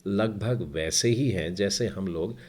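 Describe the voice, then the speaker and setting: A man teaching a Hebrew class, spelling out letters and vowel marks one by one in a slow, explanatory way. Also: on the low side, darkish tone.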